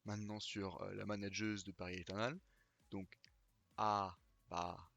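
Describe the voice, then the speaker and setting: A man hosting a pronunciation video, slowly repeating each name with care in a scripted teaching monologue. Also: fairly low pitch, flat delivery, vocal fry, a bit bright, dry recording, faint music behind. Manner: slow, careful repetition of names.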